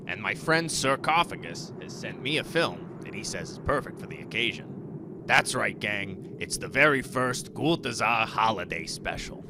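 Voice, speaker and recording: Man playing a swooping, hammy ghoul horror host. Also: lowish voice. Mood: jolly, showy. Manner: theatrical horror-host showmanship with slangy folksy address. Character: jolly gray ghoul horror host, male, hammy and folksy. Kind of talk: campy horror host presenting, scripted comedy monologue.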